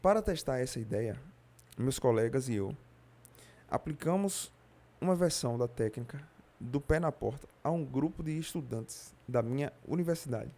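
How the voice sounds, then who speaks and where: Mellow-voiced man reading an audiobook. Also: medium pitch, normal speed. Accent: Brazilian Portuguese. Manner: steady reading with occasional slips and self-corrections. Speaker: audiobook reader. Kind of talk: reading a nonfiction audiobook aloud.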